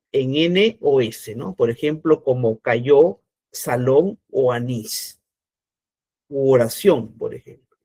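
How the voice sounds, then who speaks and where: A man teaching an online class, explaining step by step and checking in often with his students. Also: a little high.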